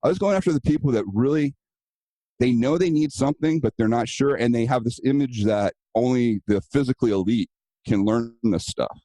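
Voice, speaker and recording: A man's voice: medium pitch, a little fast, mellow, dry recording, low-quality recording. A man being interviewed about his self-defense business, telling stories and acting out the dialogue in them in a casual, earnest way. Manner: storytelling, acting out quoted dialogue; earnest, advice-giving.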